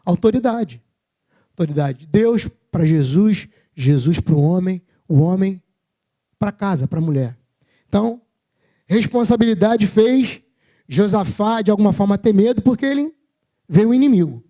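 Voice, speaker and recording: A man's voice: high-pitched, lively intonation, measured pace, warm tone. A Brazilian man preaching a sermon at a church service, telling personal stories in a humorous, self-mocking, conversational way.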